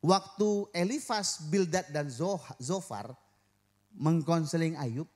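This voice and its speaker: A man's voice: fairly high pitch, slow pace. A man preaching a sermon as pastor to his church, joking with the congregation and acting out quoted voices.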